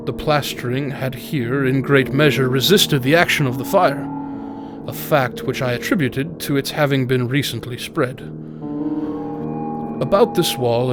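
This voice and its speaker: A man playing a tormented narrator confessing dark deeds in a theatrical, formal, deliberate reading of a gothic horror story. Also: mid-range voice, natural voice. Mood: grave, brooding. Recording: music behind the voice.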